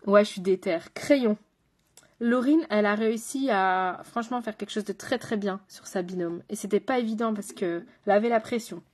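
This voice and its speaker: Doing her makeup on a live stream, a woman with a French accent talks straight to her viewers and the chat in a chatty way. She's a makeup artist, and her medium-pitched voice sounds a little mellow at a normal pace.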